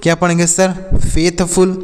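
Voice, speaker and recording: A man's voice: high voice, monotone, normal speed, darkish tone, clear, resonant tone, big-room sound. A man teaching English spelling and pronunciation, spelling words letter by letter, addressing children and answering his own questions. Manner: asks questions then answers them himself.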